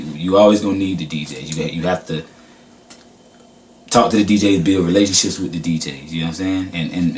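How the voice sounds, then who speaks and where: A laid-back man with a Southern US accent talks casually in an interview, his voice very low. He sounds a little distant from the mic, with faint noise behind him. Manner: laid-back, repeats filler phrases. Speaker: rapper.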